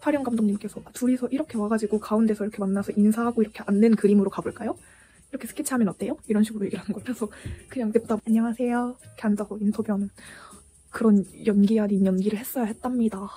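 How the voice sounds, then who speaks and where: A woman's voice: medium pitch, racing. A young woman vlogger telling a story in casual chat, acting out the quoted lines as she goes. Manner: animated retelling with acted-out quotes. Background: soft background music.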